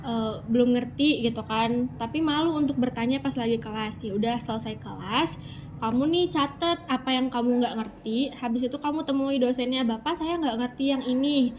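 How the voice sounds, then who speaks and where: Speaking at a moderate pace in a fairly high voice, this young woman, a university student from Indonesia's West Java (Sundanese region), handles interview questions casually. Her speech is chatty, full of fillers and informal Jakarta slang, and the recording sounds muffled and lo-fi with a faint hum of background noise.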